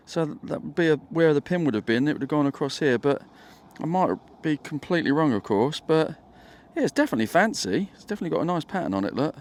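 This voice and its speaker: Excitable male metal-detecting vlogger outdoors. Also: a little high, fast, few pauses. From England. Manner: chatty, excitable, talks to viewers. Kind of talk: casual outdoor vlog narration. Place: muddy field outdoors.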